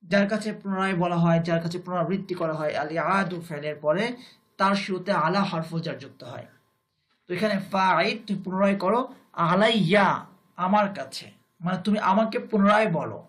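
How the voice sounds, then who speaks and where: Male teacher with a Bangladeshi Bengali accent, high voice, slow and deliberate, repeats phrases and then translates them. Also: fairly bright tone. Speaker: Arabic grammar teacher. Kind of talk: recorded grammar lesson.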